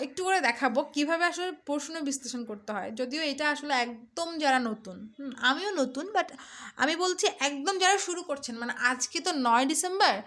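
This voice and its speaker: A woman's voice: sits high, sharp tone. A young woman tutoring exam prep in a chatty lesson, often breaking off to sound out vowels herself. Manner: chatty, self-interrupting, demonstrates sounds aloud. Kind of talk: casual explanatory lesson.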